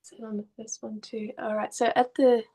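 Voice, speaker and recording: A woman art therapist gently asking questions and explaining what a client's drawings mean. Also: fairly high pitch, level tone, moderate pace, breathy edge, poor audio. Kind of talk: therapy session conversation.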